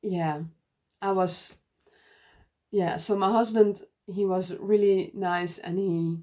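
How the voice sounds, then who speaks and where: A woman from the Netherlands, a native Dutch speaker, telling a casual story about her stitching trip in a halting way, with many restarts and soft laughs. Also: medium pitch, steady tone. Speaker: needlework vlogger.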